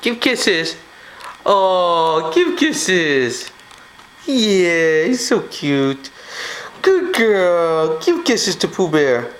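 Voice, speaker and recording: A woman's voice: fairly low pitch, big pitch swings, drawn-out words, a little hiss or hum. A woman coaxing a small child in sing-song baby talk, heard through old camcorder audio. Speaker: parent filming a child. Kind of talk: home video baby talk.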